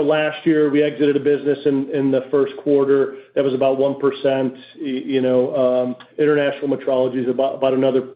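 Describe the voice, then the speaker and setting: On a corporate earnings call, a male company executive answers questions in a measured, halting way, his pitch rising and falling in a lively fashion. Coming through a conference call line, the audio sounds thin and narrow, like a telephone.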